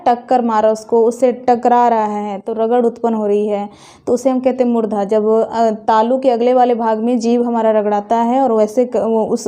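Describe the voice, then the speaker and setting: A woman teacher explaining step by step, asking questions and answering them herself, and slowing down to sound things out carefully. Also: on the high side, dark tone. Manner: slows to drawn-out, careful pronunciation of sounds. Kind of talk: classroom lesson.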